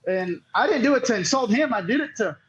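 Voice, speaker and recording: A cornhole player being interviewed on a podcast has a very high-pitched, expressive voice and talks quickly. The audio is dull with a little hiss or hum. He tells his story casually and profanely, rambling and frequently quoting others.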